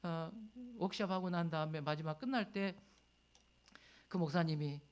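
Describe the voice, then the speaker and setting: Preaching a sermon, this male pastor recounts a personal story in a conversational tone, swinging between loud emotional highs and near whispers. His voice leans high, his pace is moderate, and the tone is clean.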